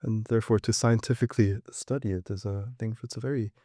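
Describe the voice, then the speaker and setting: Brief: male academic host, lowish mellow voice, dry close sound, rambling and filler-heavy. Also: fairly even intonation, fast, no room sound. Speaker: course leader and host. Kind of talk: hosting a panel interview.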